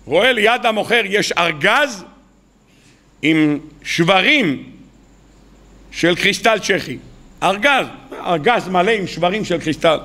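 A man's voice: high voice, creaky. A man, a rabbi, preaching to an audience in a colloquial storytelling sermon, acting out the people in his tales. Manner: colloquial, addresses the audience as "gentlemen". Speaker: rabbi giving a weekly Torah talk. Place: evening lecture before an audience.

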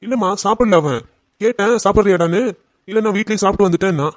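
A man's voice: high voice, quick pace, no echo, studio quality, lightly acted. A man voicing a kind, respectful young auto driver who soothes an upset mother in a cartoon family drama. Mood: soothing.

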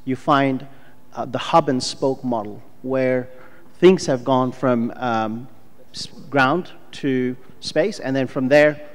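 A man's voice: medium pitch, slow. A middle-aged man, a startup co-founder, giving fluent, businesslike panel remarks with filler ums into a handheld microphone on a conference stage. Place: large conference hall stage, indoors. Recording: long reverb of a conference hall.

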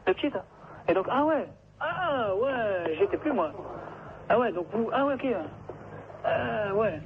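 A man's voice: very high voice, sing-song, takes it slowly, over a noisy crowd. A man at a trucking firm, talking on the phone and growing flustered, protesting over and over. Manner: flustered, keeps protesting with repeated "non, non". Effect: heard over a telephone line. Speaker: employee of a trucking firm answering a call. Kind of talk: unscripted phone conversation. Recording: noisy, narrow telephone line.

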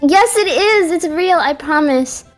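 A woman's voice: very high voice, lively intonation, a little slow, faint music behind. A young adult woman with a very youthful, girlish voice and a cute anime-streamer manner, casually telling confessional stories. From Colombia and the United States. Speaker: confession guest caller.

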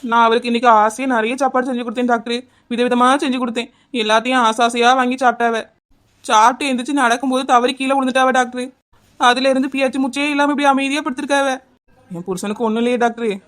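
A woman's voice: fairly high pitch, steady tone, quick pace, a bit bright, natural voice. Woman voicing Chinnaponnu, clingy village wife. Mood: wailing. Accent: Kanyakumari Tamil. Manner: pleading, insistent and wailing. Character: young village wife, eager cook, clingy and pleading. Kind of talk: animated cartoon comedy dialogue.

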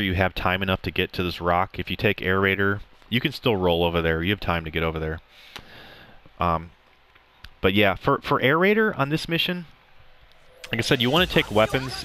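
A young man with a low, sharp-toned voice gives casual, rambling commentary over a game walkthrough, full of ums and restarts. Game music plays beneath his voice.

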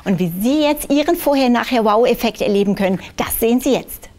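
A woman's voice: on the high side, lively intonation, fairly quick, loud music behind the voice. A woman hosting an infomercial interview in a TV studio, putting questions to a guest.

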